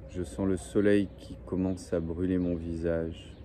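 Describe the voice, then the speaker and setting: Deep, dark-voiced man guiding slow relaxation. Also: level tone. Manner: slow, soothing, repetitive phrasing. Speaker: relaxation guide. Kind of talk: guided breathing and relaxation meditation. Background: faint birdsong and ambient noise.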